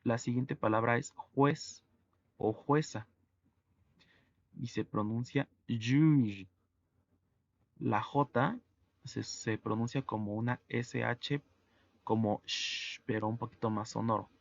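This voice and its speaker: Slow, gravelly-voiced male teacher. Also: medium pitch, fairly even intonation, no echo, dull audio. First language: Spanish. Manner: slow, methodical, spells out sounds letter by letter. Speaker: French teacher. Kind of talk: online language lesson.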